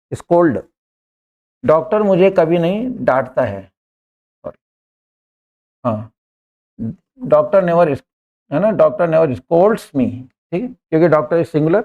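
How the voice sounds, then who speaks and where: A man's voice: on the high side, creaky, warm tone, lo-fi sound. Man teaching English grammar to a class. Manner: repeats words and keeps checking students understand.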